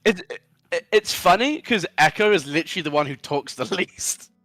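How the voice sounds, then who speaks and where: A man plays a tabletop game in casual, halting talk. His voice is bright and moves around animatedly, recorded dry with music behind. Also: high voice, expressive, no room sound. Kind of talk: casual chat.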